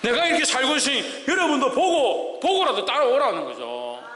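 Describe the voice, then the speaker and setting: A male pastor preaching emphatically, firing rhetorical questions and swinging between loud and soft. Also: very high-pitched, sing-song, moderate pace, roomy sound, long reverb tail, slight background noise, rough recording. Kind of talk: sermon. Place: church sanctuary.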